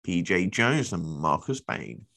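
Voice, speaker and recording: An English man co-hosting a podcast, reading event cards with quick joking asides in a casual news roundup. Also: sits low, sing-song, creaky, bright, forceful tone. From England. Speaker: podcast co-host.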